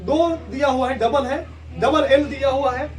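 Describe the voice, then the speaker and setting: A man's voice: extremely high pitch, fairly even intonation, normal speed. A male school teacher teaching a grammar lesson. He explains step by step, asks questions and answers them himself, and spells words out letter by letter. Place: school classroom. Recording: distant classroom recording with clear background noise.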